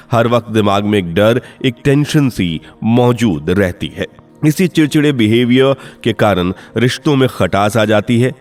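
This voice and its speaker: A man narrates in a dramatic, scripted way, pressing each line with ominous urgency. His voice sits at a middling pitch, and faint music plays under the voice-over. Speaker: channel narrator.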